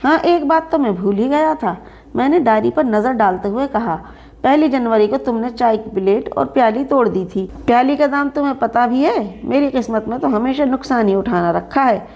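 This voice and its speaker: A woman narrating a story in first person, expressive and shifting into a stern employer's voice. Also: fairly high pitch, moderate pace.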